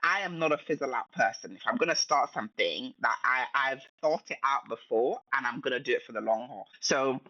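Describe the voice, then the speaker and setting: A woman's voice: rumbling low, expressive, a little fast, few pauses, bright, forceful tone, no room sound. Emphatic woman founder, lo-fi sound. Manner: earnest and emphatic, repeats for stress. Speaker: guest, company founder. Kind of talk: casual interview chat. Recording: slightly dull lo-fi sound.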